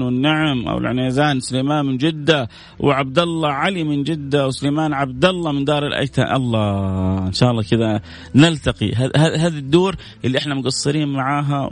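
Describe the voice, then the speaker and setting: A man hosting a live religious program, quickly reading out viewers' names and offering blessings with playful asides. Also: mid-range voice. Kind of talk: live broadcast reading viewer greetings and prayers.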